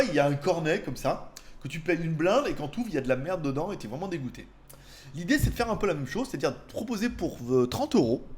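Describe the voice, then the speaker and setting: A man hosting a casual viewer Q&A, rambling and laughing often between answers. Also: fairly high pitch. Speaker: host answering viewer questions. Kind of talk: casual chat. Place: indoors at home.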